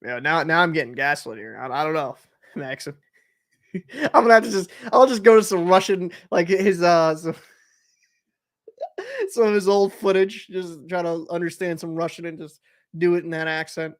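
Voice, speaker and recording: Young male streamer, slightly high voice, casual rambling chat and play-by-play. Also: expressive, moderate pace. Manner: chatty, joking, answers live chat, loose and rambling. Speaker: livestream host. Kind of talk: casual watch-party chat and commentary.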